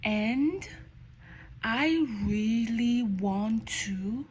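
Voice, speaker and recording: Very slow school dictation by a higher-voiced woman. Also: expressive, darkish tone, slightly rough. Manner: reads a word or short phrase at a time with long pauses, announcing punctuation. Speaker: English dictation teacher.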